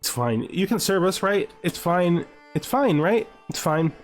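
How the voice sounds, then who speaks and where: High and sing-song, at a measured pace, this man's voice carries casual, playful let's-play commentary on a strategy game. He's a gaming video host who thinks aloud and often questions himself, with music running underneath.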